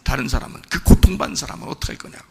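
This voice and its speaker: A man preaching a sermon as pastor, firing rhetorical questions at the congregation and swinging from hushed asides to shouted exhortation. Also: medium pitch, rapid-fire, vocal fry, breathy edge, in a large hall. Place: church sanctuary.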